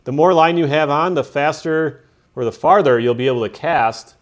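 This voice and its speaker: A man calmly walking through a hands-on setup step by step, in a methodical, practical way. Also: fairly high pitch, moderate pace. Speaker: fishing instructor. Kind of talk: step-by-step how-to narration. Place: workshop at a table.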